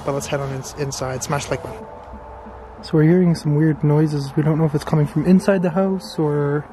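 A man hosting an exploring vlog, walking through an abandoned farmhouse and reacting with excited, wondering remarks into his camera mic. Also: fairly high pitch, a little fast, slight background noise. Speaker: urban explorer host. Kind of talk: walkthrough vlog narration. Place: abandoned stone farmhouse, indoors.

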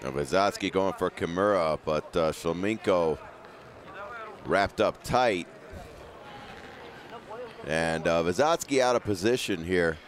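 A man's voice: low-pitched, slow, pauses often, a little hiss or hum. A man giving conversational fight analysis as a colour commentator.

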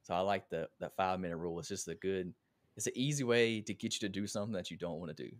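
A man's voice: deep voice, fast talker, no room sound. A man hosting a podcast interview, talking in an earnest, conversational way about his own habits. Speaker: podcast host.

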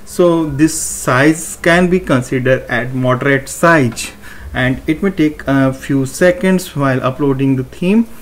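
A man's voice: mid-range voice, measured pace. Man explaining a website theme setup. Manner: explanatory, step-by-step, repetitive phrasing. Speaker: WordPress tutorial presenter. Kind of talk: screen-recorded tutorial walkthrough.

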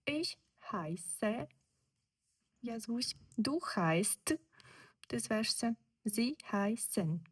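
A woman teaching German, explaining textbook exercises slowly and repeating each word. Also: a little high, lively intonation, breathy edge. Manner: slow, deliberate, repeats words.

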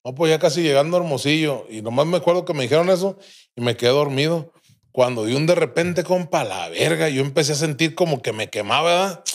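Mexican man, gravelly voice, slightly high, crude casual storytelling. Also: expressive, fairly quick. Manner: crude, vivid, full of slang and swearing. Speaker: podcast guest.

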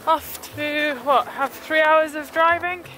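A woman's voice: sits high, steady tone, slow pace, bright, forceful tone, slight background noise, low-quality recording. Chatty woman vlogging in the cold. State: cold, freezing. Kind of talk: casual travel vlog chat.

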